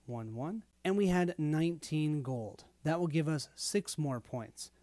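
A man with a hoarse, tired late-night voice hosting a casual walkthrough of a tabletop game. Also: a little high, expressive, a little slow, dark tone, no echo. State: hoarse, lost his voice. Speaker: host of a board game playthrough.

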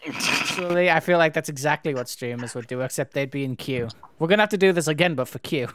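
A man's voice: fairly high pitch, fast, a bit bright. A young man joking sarcastically with friends on voice chat during a game. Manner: sarcastic, mock-offended. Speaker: gamer. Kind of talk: casual voice chat while gaming.

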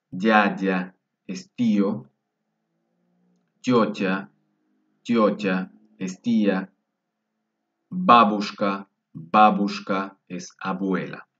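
A man's voice: fairly low pitch, fairly bright tone. A man teaching a vocabulary lesson, patiently repeating each word several times. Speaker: language teacher. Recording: dull, distant mic.

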